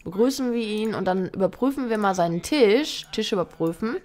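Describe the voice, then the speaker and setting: A woman's voice: medium pitch, animated, a little fast, a little mellow. A chatty woman talks through a life-sim game at a desk microphone. She reads menu options aloud and mutters teasing asides at the characters. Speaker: let's play host. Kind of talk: casual game commentary.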